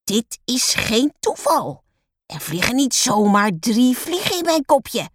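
A woman voicing a strict, short-tempered female schoolteacher in a storybook, shrill and shouting. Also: expressive, a little slow, gravelly, husky, no room sound, clean studio sound, heavily acted. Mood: outraged.

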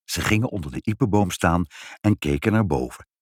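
A man reading a children's story aloud with an expressive, sing-song delivery. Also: low-pitched, a little fast, no room sound, studio quality.

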